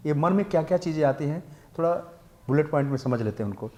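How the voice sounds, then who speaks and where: At a temple class, a man teaches scripture in an animated, slightly mellow voice that sits on the high side. He intones Sanskrit verses slowly and then explains them, using rhetorical questions and Hindi peppered with English.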